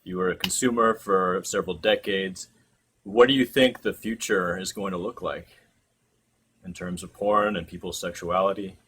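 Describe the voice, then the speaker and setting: A man hosting an interview, asking thoughtful questions and encouraging his guest in a calm way. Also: deep voice, normal speed, slight background noise. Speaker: host.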